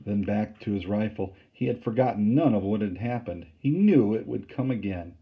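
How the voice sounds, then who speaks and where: A man's voice: on the low side, expressive, normal speed, muffled recording, a little hiss or hum. A man reading a novel aloud to a class and explaining passages in a plain, casual tone. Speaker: teacher.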